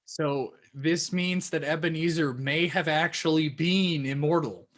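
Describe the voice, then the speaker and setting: A man's voice: on the high side, unhurried, fairly bright tone. A man co-hosting a podcast review, laid-back and casual, with dry quips. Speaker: podcast co-host.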